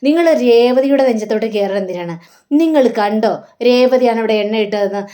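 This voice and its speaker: A woman's voice: a little high, a little fast, warm tone, natural voice. A woman voicing an angry grown son defending his wife in a TV serial retelling.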